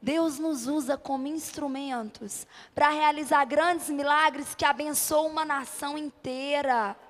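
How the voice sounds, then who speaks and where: A Brazilian woman preacher with a high-pitched voice gives an impassioned, emphatic sermon to a congregation at a church event, her intonation fairly even and her pace measured. She hammers her points home with rhetorical questions and short, repeated phrases, and the hall's amplification makes everything reverberate.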